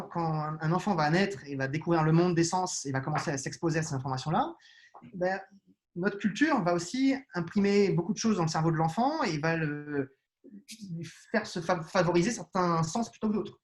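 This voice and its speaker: Speaking at a moderate pace with a fairly high pitch, a man with children answers interview questions about neuroscience as a guest. His explanations are patient, broken up by many restarts and hesitations.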